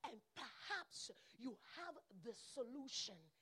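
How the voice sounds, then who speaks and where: An American woman preaching a sermon in a church, swinging from loud proclamation to hushed whispers and calling out to the congregation. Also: sits high, sing-song, slow, husky. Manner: call-and-response with the congregation.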